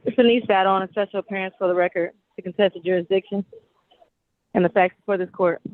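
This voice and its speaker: A woman argues her case down a tinny, clipped phone line, with the sound dry and narrow. She speaks insistently and legalistically, pressing the same points again and again. Her voice sits at an ordinary middle pitch. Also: fairly even intonation, fast, no room sound. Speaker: tenant defendant appearing remotely. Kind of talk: arguing in a court hearing. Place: calling into a court hearing by phone.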